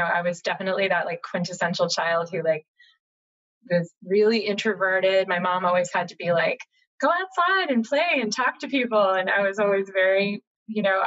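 A middle-aged American woman, a journalist guest, telling her story in a chatty, animated way over a video call from home. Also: fairly low pitch. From United States, Boston area. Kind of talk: casual interview conversation. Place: home room, indoors. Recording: slightly dull lo-fi video call audio.

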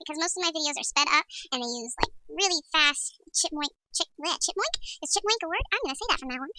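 A woman's voice: high-pitched, pushed and bright, no echo, low-quality recording. Sped-up chipmunk voice of a woman. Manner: chatty, rambling, self-talking while editing. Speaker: video tutorial maker. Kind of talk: casual screen-recording tutorial.

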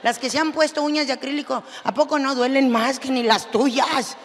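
A young adult woman with a Mexican accent doing stand-up comedy, telling a story and acting out both sides with loud exclamations. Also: sits high, fairly even intonation, normal speed, husky. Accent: Mexican Spanish. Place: stage before a live audience.

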